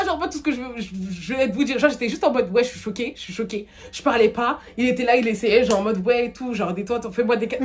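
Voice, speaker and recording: Fast chatty twenty-something girl, slangy, kinda high voice, telling a storytime. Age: 20s. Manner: chatty, rapid, full of fillers and acted quotes. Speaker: storytime vlogger. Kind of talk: casual storytelling to camera.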